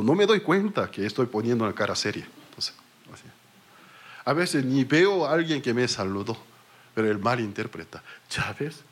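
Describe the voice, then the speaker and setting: A male pastor from Korea preaching in a Korean accent, telling stories with self-mocking humor and small slips. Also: mid-range voice. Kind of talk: sermon.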